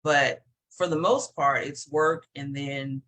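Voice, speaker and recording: A woman guest in a casual interview, upbeat and lively, laughing often as she talks about her busy days. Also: deep voice, takes it slowly, poor audio.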